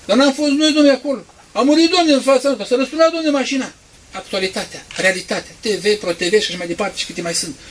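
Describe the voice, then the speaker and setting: Male priest with a high voice, impassioned sermon delivery, quiet asides building to loud emphasis. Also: a little hiss or hum, rough recording.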